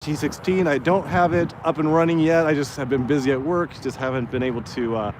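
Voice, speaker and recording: A man's voice: a little high, steady tone, fairly quick. Man chatting casually through windy outdoor noise. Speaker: radio-control plane vlogger. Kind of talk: casual live commentary while flying a model plane. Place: outdoors by a road in wind. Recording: noisy windy outdoor recording with vehicle sound. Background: wind and outdoor motor noise.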